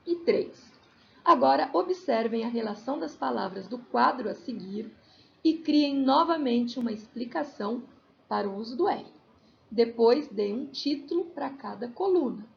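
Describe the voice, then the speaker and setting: A woman's voice: a little high, expressive, moderate pace, creaky, highs cut off, slight background noise. A woman teacher with a Brazilian Portuguese accent, patiently explaining a lesson to children step by step and checking in with little tag questions. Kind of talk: recorded class lesson for children.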